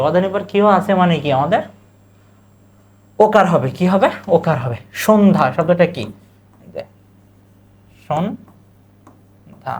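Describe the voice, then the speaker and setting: A male teacher with a Bangladeshi Bengali accent drills students on pronunciation. He asks a question, repeats the answer, and draws out model words slowly, syllable by syllable. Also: a little high. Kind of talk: recorded exam-prep lesson.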